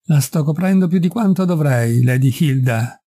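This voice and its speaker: A calm, middle-aged detective speaks in short, firm and urgent sentences, as a male reader voices him. The voice is a touch low, very dark and mellow, and husky. It is an audiobook reading. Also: moderate pace.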